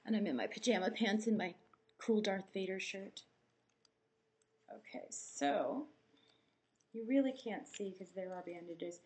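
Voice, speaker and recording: A woman's voice: mid-range voice, a little slow, pauses often, darkish tone, husky. A woman talking casually and candidly in a personal vlog, giving a health update in a chatty, matter-of-fact way. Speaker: vlogger giving a post-surgery update.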